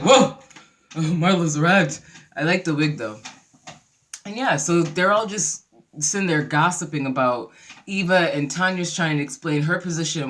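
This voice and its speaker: A bright, sharp-toned host runs through a reality TV episode as a casual recap. The delivery is an animated storytelling style, with the host slipping into other people's voices for the quotes and laughing easily along the way. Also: medium pitch. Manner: laughs easily while retelling.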